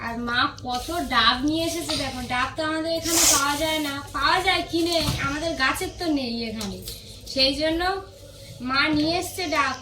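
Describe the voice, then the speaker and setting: A woman's voice: high-pitched, fairly quick, noisy background. A young woman chatting casually to her viewers while filming her family home and garden. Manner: chatty, talks straight to viewers. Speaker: vlogger.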